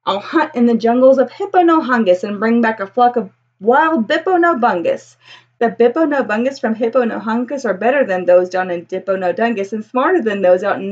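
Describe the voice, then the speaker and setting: In a small indoor room with bookshelves, a woman in her thirties reads a children's picture book expressively, her delivery singsong and rhythmic. Her voice is a little high with a darkish tone, and the sound is lo-fi.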